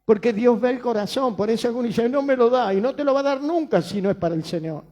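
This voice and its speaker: A man's voice: very high voice, quick pace, mellow. A man with a Rioplatense Spanish accent preaching a sermon as pastor, emphatic, repeating phrases and asking rhetorical questions.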